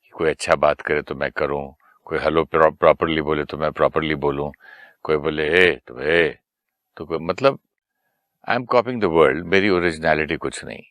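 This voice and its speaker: Man, very low voice, anecdotal chat, acts out quotes, dry sound. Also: normal speed, a bit bright, no room sound. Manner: anecdotal, mixes English phrases, acts out quoted dialogue. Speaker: guest sharing a personal story. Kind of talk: casual storytelling in conversation.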